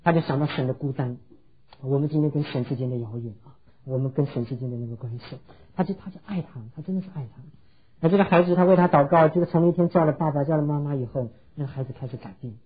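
Fast-talking husky male preacher. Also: fairly high pitch. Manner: earnest, emphatic storytelling with drawn-out sentence endings. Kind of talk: sermon storytelling. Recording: dull lo-fi recording.

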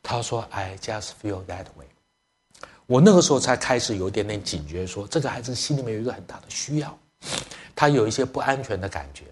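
A man's voice: medium pitch, fast talker. A middle-aged man, a church elder, preaching to parents through family stories, acting out dialogue and dropping English phrases into his speech. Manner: lively storyteller, acts out family dialogue. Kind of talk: sermon storytelling to parents.

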